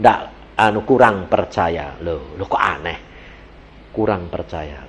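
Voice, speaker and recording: A man's voice: deep voice, slow. A man with a Javanese-tinged Indonesian accent preaching a sermon in a folksy, emphatic storytelling manner. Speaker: evangelist preacher.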